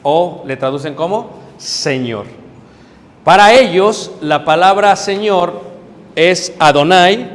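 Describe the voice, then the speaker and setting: A middle-aged man, a preacher, teaching a Bible class, explaining step by step, checking in with his listeners and pausing on hesitant fillers. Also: high voice, lively intonation. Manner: hesitant fillers while searching for words. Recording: reverberant hall with faint background noise.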